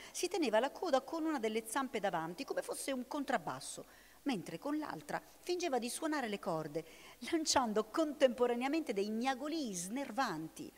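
A woman with an Italian accent reading a story aloud in an expressive way, recorded in a hall with long reverb. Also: fairly high pitch. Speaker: reader.

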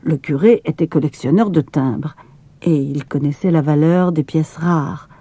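Woman narrating a kids storybook, unhurried, soft mellow voice, very dry. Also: low-pitched, slightly rough, no room sound. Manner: calm, measured reading.

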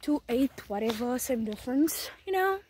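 A woman's voice: high voice, lively intonation, normal speed, a little mellow, a little hiss or hum, rough recording. A young woman, chatting casually and slangily in a travel vlog, sometimes dropping to a whisper. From South Africa. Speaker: vlogger. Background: background music.

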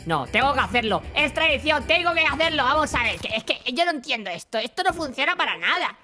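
A man with a Spain Spanish accent voicing a camp, flamboyant, cocky, lewd male soldier in theatrical, taunting gameplay commentary, with shouted catchphrases. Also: very high-pitched, very animated, brisk, full character voice. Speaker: gaming YouTuber. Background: game music.

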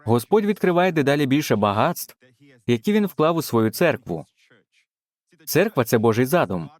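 A man's voice: medium pitch, very animated, moderate pace, a little mellow, no echo. A man preaching a dubbed sermon in a fervent way, with frequent exclamations of praise.

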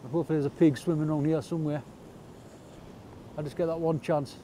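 A man's voice: a little high, steady tone, fast talker, warm tone. A man, chatting casually and with understated humour as he fishes from rocks at night in wind and rain. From North East England. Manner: chatty, self-deprecating, understated. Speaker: angler vlogger. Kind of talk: casual fishing vlog narration. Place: outdoors on rocky shore at night, wind and rain. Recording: outdoor camera audio with faint wind noise.

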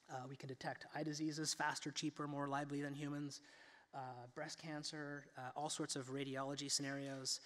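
At a lectern in a large auditorium, a man in his fifties delivers a conversational keynote full of fillers and restarts. His voice is fairly high and sharp in tone, picked up by a lectern microphone with a big-room sound.

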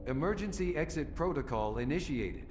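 A man voicing a malfunctioning computer announcer in a video game, reading flat, clipped automated warnings with a glitching robotic quality. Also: fairly high pitch, moderate pace, music in the background. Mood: mechanical. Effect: glitching robotic voice over a loudspeaker. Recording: game audio, echoey hall with faint noise.

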